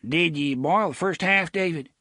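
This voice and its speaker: A man voicing a fat, hungover small-town sheriff who talks in a folksy rustic dialect and scolds loudly. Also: on the high side, moderate pace, no room sound, studio quality, voice pushed up. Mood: doubtful.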